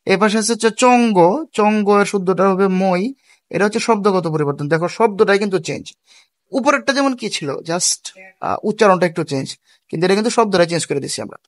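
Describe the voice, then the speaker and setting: A man's voice: high-pitched, lively intonation, a little fast, no echo. A man teaching a school language lesson in a casual tutorial style. He explains step by step, asks questions and then answers them himself, and mixes regional forms and English words into his speech.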